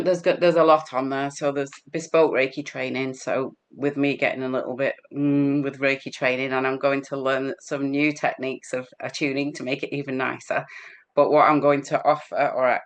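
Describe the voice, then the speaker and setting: A woman with an English accent, a healer guest in an interview, chatting and telling stories quickly, laughing as she goes. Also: very deep voice, steady tone. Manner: quick-talking. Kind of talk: casual interview storytelling.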